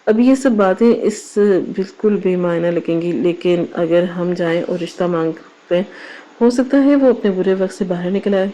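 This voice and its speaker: A woman narrating a moral story in an even, measured reading style. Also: lowish voice, low-quality recording.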